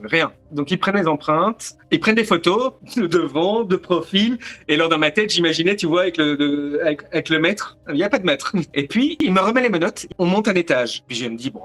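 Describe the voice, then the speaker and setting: High-voiced Belgian man telling a wild story. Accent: Belgian French. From Brussels, Belgium. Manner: lively, slangy, swears freely. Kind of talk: casual spoken anecdote.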